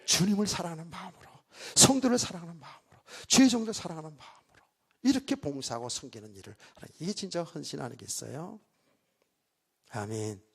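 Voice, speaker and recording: A middle-aged male pastor delivering a sermon in a church sanctuary, his voice gravelly and a little husky. He preaches in a loose, chatty way, tossing jokes and questions to the congregation. His voice sits somewhat high for a man. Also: animated, a little fast. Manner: chatty, joking asides to the congregation.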